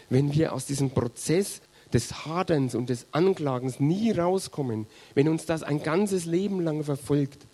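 Earnest German preacher with a husky voice. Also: male voice, medium pitch, mellow. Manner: earnest, pastoral, addresses congregation directly. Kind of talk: sermon.

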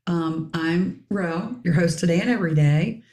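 A middle-aged woman hosting a casual podcast discussion, her raspy voice hoarse as she keeps clearing her throat. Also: fairly low pitch, moderate pace, a little mellow, reverberant. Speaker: podcast host.

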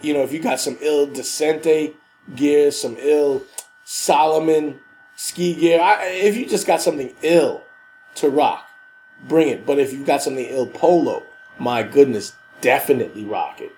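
A man's voice: on the high side, moderate pace, a little mellow, slight background noise, rough recording. Stuffy-nosed man in casual slangy chat. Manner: slangy, emphatic repetition. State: has a cold, stuffy nose. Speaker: podcast co-host.

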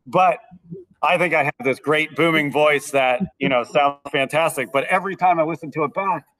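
A school band director in his thirties chats casually on a podcast about his teaching methods, his slightly nasal voice sitting on the high side and a bit bright at normal speed. He's hesitant, stumbling and repeating words as he starts sentences, and he sounds somewhat distant, seated a little away from the mic.

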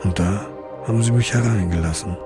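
Guy doing an old tired horse, soft and worn out, lowish voice, bit of music behind. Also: lightly acted. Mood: wistful. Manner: weary, soft and slow.

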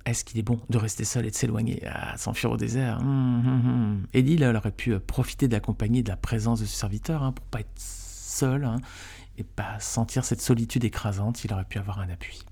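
A man's voice: medium pitch, fairly even intonation, fairly quick, gravelly, breathy edge. A man leading a conversational Bible study, reading scripture aloud and explaining it informally to listeners he calls friends. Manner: reads scripture aloud, then explains it informally with frequent tag questions; addresses listeners warmly as friends. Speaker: Bible teacher.

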